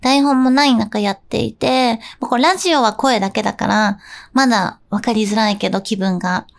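A young woman with a high, bright-sounding voice hosts a casual radio segment. She talks in a bubbly, playful, chatty way. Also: fairly quick, creaky. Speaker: radio host and live streamer. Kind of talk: casual radio chat with quiz.

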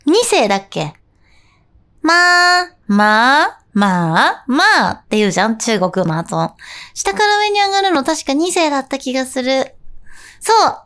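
A young woman with a high, bright-sounding voice hosts a casual radio segment. She talks in a bubbly, playful, chatty way. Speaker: radio host and live streamer. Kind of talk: casual radio chat with quiz.

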